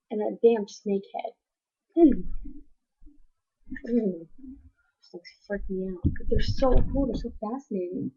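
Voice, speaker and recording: A woman's voice: medium pitch, dark tone, slightly rough. A teenage girl telling a story to her webcam at home, chatty and rambling with lots of "like". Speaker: vlogger. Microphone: built-in webcam mic. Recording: dull lo-fi webcam audio.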